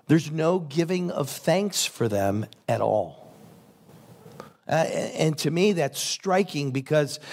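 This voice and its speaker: A man's voice: fairly high pitch, a little mellow, husky. A man preaching a sermon as a pastor, in a conversational, earnest way.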